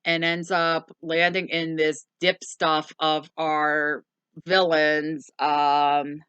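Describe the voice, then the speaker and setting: Woman co-host, lower-pitched, bright tone, rambling plot recap, dry room. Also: level tone, very slow, clear, resonant tone, no echo, muffled recording. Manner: rambling, with frequent ums and plain swearing. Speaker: movie review co-host. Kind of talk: casual chat summarizing a movie plot.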